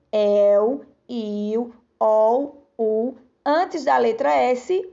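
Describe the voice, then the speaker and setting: Brazilian lady teaching kids, slow and patient, repeats every syllable, kinda muffled audio. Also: high-pitched, vocal fry. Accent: Brazilian Portuguese. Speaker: primary school teacher. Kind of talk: recorded lesson for children. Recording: dull lo-fi recording.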